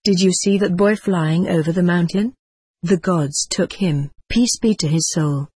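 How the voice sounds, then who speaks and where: A man voicing a simple, excitable old monk who bawls his words in a storybook reading. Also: high-pitched, unhurried, husky, no room sound, exaggerated voice. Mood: astonished. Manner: bawling, excitable.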